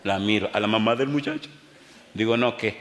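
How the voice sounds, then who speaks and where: Low-voiced male pastor in an echoey hall. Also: fairly quick. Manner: animated, dramatic storytelling with laughter. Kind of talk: storytelling sermon.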